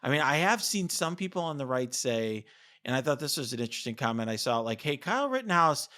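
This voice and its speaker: A man's voice: mid-range voice, fast, fairly bright tone. Male co-host, conversational, slightly breathless, rambling with frequent restarts. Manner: chatty, lots of fillers and restarts. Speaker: podcast co-host. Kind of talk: casual conversation.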